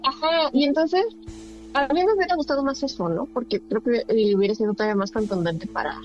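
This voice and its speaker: A woman's voice: on the high side, fairly quick, lo-fi sound, faint music behind. A woman co-hosting a casual film discussion podcast, thinking aloud with fillers and tag questions. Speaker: podcast co-host.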